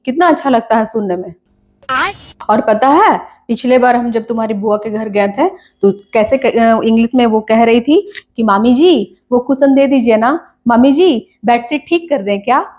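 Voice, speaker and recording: Woman acting as a nagging mother, comedy sketch, scolding, fairly high voice. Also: a little mellow, natural voice. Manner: scolding, nagging, quick complaints. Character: scolding, complaining middle-aged mother.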